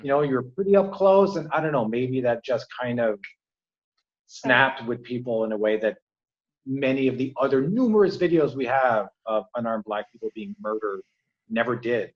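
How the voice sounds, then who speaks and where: A man's voice: mid-range voice, expressive, normal speed. A man speaking as an interview guest, rambling with many fillers and restarts. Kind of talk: casual interview conversation. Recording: dull lo-fi remote audio.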